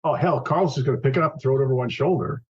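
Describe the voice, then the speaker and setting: A man playing a tabletop game, eagerly thinking his moves through out loud. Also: medium pitch, rapid-fire. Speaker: player. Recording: dull lo-fi sound.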